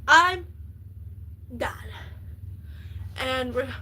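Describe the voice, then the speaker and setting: A woman with a high, bright voice chats on a livestream. Her stories tumble out in an excitable, rambling rush, full of restarts and asides. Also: extremely slow, rough recording. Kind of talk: casual livestream chat.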